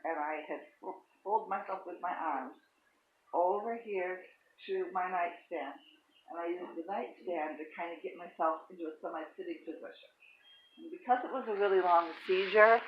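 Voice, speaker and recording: A woman telling a personal story in a halting, soft-spoken, emotional way. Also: on the low side, a little hiss or hum. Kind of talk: casual first-person storytelling. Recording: tinny phone-like sound.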